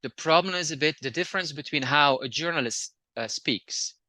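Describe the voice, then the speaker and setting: Flemish guy, native dutch speaker, bright voice, dry sound, explaining stuff casually, repeats words a lot. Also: on the high side, normal speed, no echo. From Belgium, near the Dutch border. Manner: hesitant, repeats words and phrases. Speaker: interview guest.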